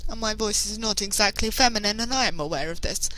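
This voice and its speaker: A woman's voice: mid-range voice, fast, bright, forceful tone, faint music behind, poor audio. A British woman casually commentating a horror game playthrough, chatty and self-deprecating with frequent hesitations. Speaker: gameplay commentator.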